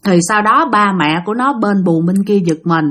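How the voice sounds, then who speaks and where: Lively Southern Vietnamese woman storyteller. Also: mid-range voice, normal speed. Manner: chatty, addresses listeners directly. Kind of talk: spoken ghost-story telling.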